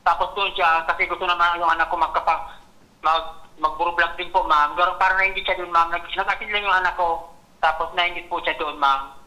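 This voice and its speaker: Halting Bicol man, bright tense voice. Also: sits high, fairly even intonation, low-quality recording. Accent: Filipino, Bicol region. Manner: hesitant, halting, says "ma'am" after nearly every phrase. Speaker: complainant. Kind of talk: interview on a radio program.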